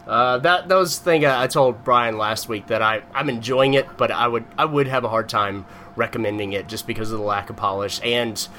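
Bright-voiced man telling a rambling story. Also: mid-range voice, a little hiss or hum. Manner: rambling, animated storytelling with many fillers. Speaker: podcast co-host. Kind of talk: casual chat.

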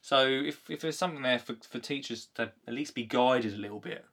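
A man's voice: medium pitch, brisk, a bit bright. A man with an Essex accent hosting a live call-in, chatting casually in an informal, matey way. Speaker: live call-in show host. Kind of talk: casual unscripted chat with callers.

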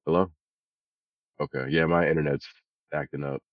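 A man's voice: rumbling low, steady tone, moderate pace, dry recording. A man heard over a video call, chatting casually about a movie, laid-back, with lots of "like" and "you know". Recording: dull lo-fi video call audio.

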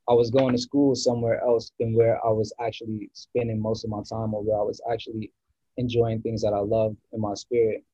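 A man's voice: medium pitch, dark tone, no echo, muffled recording. A man from the US East Coast, a guest musician in a casual podcast chat, rambling and searching for words with many restarts.

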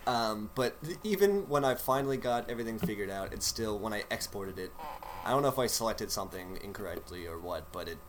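Joking, lively male podcast host. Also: fairly low pitch, brisk, noisy background. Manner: joking, swears casually. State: recovering from a cold. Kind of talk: casual chat.

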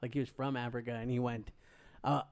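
A man's voice: mid-range voice, level tone, fairly quick, darkish tone. A man in casual banter, swearing freely and arguing in jest. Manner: profane, heated joking.

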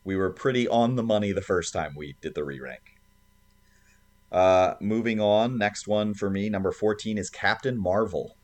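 Low voiced guy cohosting a podcast, just chatting, informal and animated. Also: moderate pace. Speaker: podcast co-host. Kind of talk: casual chat.

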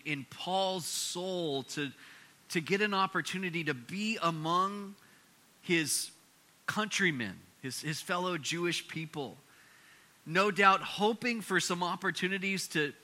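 Bright-voiced man preaching a sermon. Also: sits high. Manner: conversational, many restarts, animated retelling. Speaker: pastor. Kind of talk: expository sermon.

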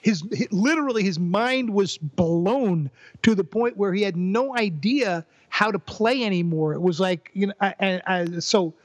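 An older man with a high voice, a psychologist and former professor, appears as a podcast guest in a conversational interview. He speaks thoughtfully and haltingly, restarting and repeating words as he builds a point. There is no echo.

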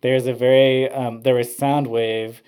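A man's voice: mid-range voice, flat delivery, measured pace, darkish tone, smooth. A man, a podcast host, rambling through casual chat, with many "like" fillers. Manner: rambling, heavy use of "like" fillers.

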